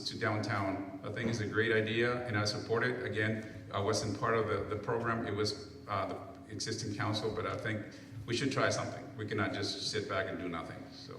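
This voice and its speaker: A man's voice: fairly low pitch, fairly bright tone, a little hiss or hum. A man from Peru, a council candidate, giving earnest answers at a public forum and often restarting phrases. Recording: echoey hall, mic far off.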